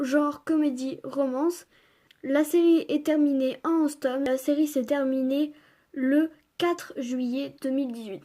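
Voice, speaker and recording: A woman's voice: high-pitched, dark tone. A young woman chatting casually about her manga purchases, reading blurbs aloud, with many fillers and gushing remarks. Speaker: manga haul vlogger.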